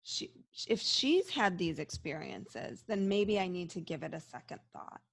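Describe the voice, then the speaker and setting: A middle-aged woman, a psychologist and medium, talks as a guest in a casual interview. Her lowish, gravelly voice is animated but unhurried, and she speaks openly and reflectively, often restarting sentences. The recording is dry.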